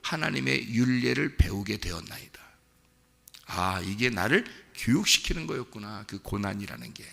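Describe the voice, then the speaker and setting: A man's voice: lowish voice, sing-song, normal speed, gravelly, pushed and bright, big-room sound. A male pastor preaching a sermon in an earnest, conversational way, speaking straight to his listeners. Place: church sanctuary.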